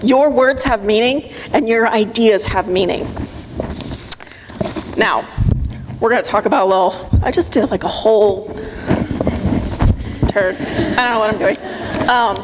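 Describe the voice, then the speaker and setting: Middle-aged woman speaker, higher voice, emphatic coaching delivery, long hall reverb with faint noise. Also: a little slow, pauses often. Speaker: motivational speaker. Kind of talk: live talk to an audience. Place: conference room with audience.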